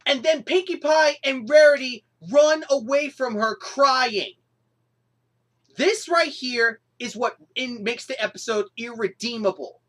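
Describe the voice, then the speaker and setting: Young woman ranting on her vlog, kinda high voice, gets exasperated and loud. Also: unhurried. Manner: exasperated, animated ranting with outbursts. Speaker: vlogger reviewing a cartoon episode. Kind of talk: casual review rant.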